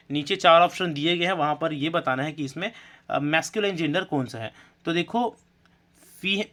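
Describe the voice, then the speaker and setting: A man with a bright, fairly high voice works through multiple-choice grammar questions like an exam-prep tutor. He reads each question slowly, then explains it chattily, often checking in with his students as he goes. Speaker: English grammar teacher.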